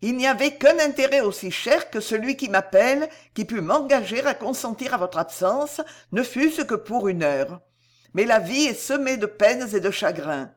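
A gracious older noblewoman, read aloud by a woman, speaking in a formal, measured way full of warmth for the one she is leaving. Her manner is refined and affectionate, in the style of an audiobook reading. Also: on the high side, animated. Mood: earnest.

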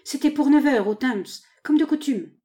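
A woman's voice: high voice, moderate pace, warm tone, pitched above the performer's own voice, close to an everyday voice. A woman reading aloud, voicing a blunt, matter-of-fact male sheriff in a raised voice.

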